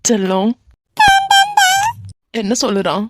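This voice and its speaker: A woman's voice: mid-range voice, steady tone, slow, very noisy, voice pushed down, close to an everyday voice. A woman voicing a remorseful young father who apologises tenderly to his family, with a Kanyakumari Tamil accent, in a cartoon love story. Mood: tearful remorse. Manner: apologetic, soft and pleading.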